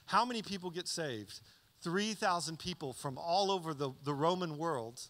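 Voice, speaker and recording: Speaking at a normal speed in a slightly high voice, this thirty-something pastor delivers a chatty sermon from a church stage with a handheld mic. He teaches animatedly, frequently asking "okay?", and the hall around him echoes.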